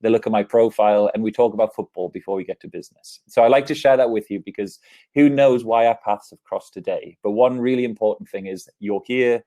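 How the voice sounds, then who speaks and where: A man's voice: lowish voice, a little fast, dark tone, muffled recording. A man in his thirties with an English accent, giving an upbeat keynote talk over a video call from his office. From England. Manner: upbeat, gestures with his hands as he talks. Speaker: keynote speaker. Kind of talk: online conference presentation. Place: office, indoors. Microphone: earphone mic on a video call.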